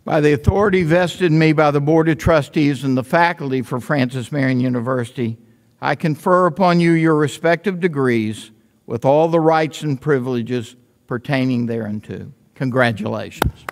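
An older man, a university president, giving a measured, formal commencement address from a podium microphone in a large arena. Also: on the high side, a little hiss or hum. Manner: measured, ceremonial delivery. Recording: long reverb of a large hall.

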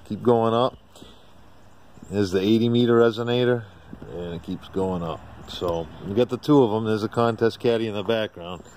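An amateur radio hobbyist walks around a residential driveway outdoors, narrating his own video in a casual, unscripted way. His speech is halting, plain-spoken and colloquial, with a fairly low pitch and a darkish tone. An off-screen operator films on a handheld camera or phone, picking up outdoor ambience and birdsong.

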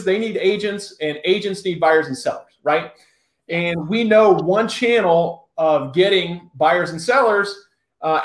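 A man's voice: high-pitched, roomy sound. A man hosting a casual interview, upbeat and often checking in with his listeners. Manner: upbeat, leading with "right?" checks. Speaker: show host.

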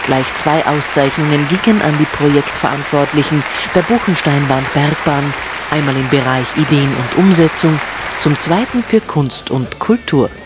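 A man reading a scripted news voice-over in an upbeat, measured tone. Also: a little high. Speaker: news narrator. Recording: narration over music and crowd chatter. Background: music and crowd noise.

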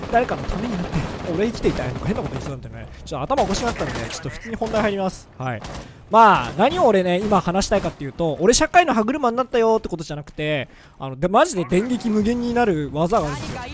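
A man's voice: high-pitched, noisy background. A man in his twenties giving joking, self-mocking commentary over his gameplay. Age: 20s. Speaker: gaming video creator.

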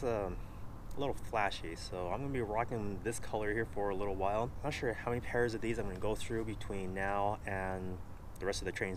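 A man's voice: on the low side, noisy background. A man in his thirties talking casually to a camera held at arm's length in an outdoor backyard, reviewing running gear. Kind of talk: casual vlog chat. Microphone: action camera at arm's length.

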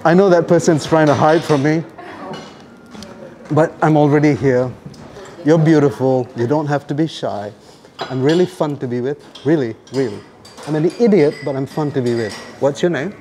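A playful man with a slightly high voice teases the people around him, quick to poke fun at himself. He talks casually in an indoor cafe, picked up by a camera mic. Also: dark tone, a little hiss or hum. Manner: playful, teasing, self-mocking. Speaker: vlog host interviewing cafe guests. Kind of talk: casual teasing chat.

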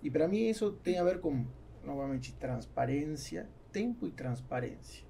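Speaking into a studio microphone on a boom arm in a small, foam-lined podcast studio, a gravelly-voiced businessman answers interview questions conversationally as a guest. His voice is on the high side and dark in tone, with lively intonation, but his speech halts as he hunts for words, Spanish being his first language. There is slight background noise.

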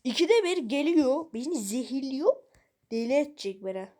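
A woman's voice: high-pitched, lively intonation, normal speed, dark tone. A woman giving casual let's-play commentary, exasperated and grumbling at the game while talking straight to her viewers. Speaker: gaming video creator.

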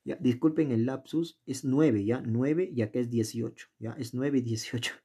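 Filming a worksheet from above at his indoor desk, a math tutor walks through a geometry problem in a casual, chatty lesson. His mid-range voice is dark and slightly rough, at a normal speed. He often quizzes the viewer and mutters to himself while solving.

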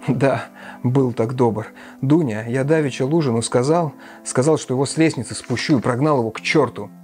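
A man's voice: mid-range voice, moderate pace, darkish tone, soft background music, natural voice. A man voicing a feverish, irritable young man who gives curt commands.

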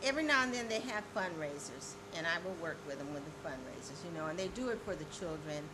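A woman's voice: low-pitched, expressive, fast talker. An older woman who owns a bakery, telling stories in a chatty, rambling way. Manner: chatty storyteller, restarts and fillers. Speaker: bakery owner. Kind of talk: casual interview chat. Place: small indoor bakery office and kitchen. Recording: loud background noise.

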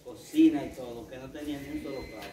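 Quick-talking man heard from afar. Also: mid-range voice, fairly even intonation, crowd noise. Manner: storytelling, quick. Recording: distant in echoey kitchen.

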